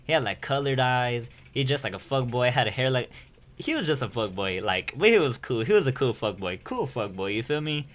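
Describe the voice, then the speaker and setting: A young male storyteller vlogger spins a rambling story-time anecdote in casual, profane slang, repeatedly saying "you feel me." His medium-pitched voice is a bit bright, slightly fast, with lively intonation.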